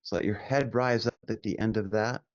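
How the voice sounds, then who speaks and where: Leading a guided meditation, a man speaks in a soft, calming way, giving brief instructions separated by long silences. His voice sits on the low side with fairly even intonation. The audio is dull, with no echo.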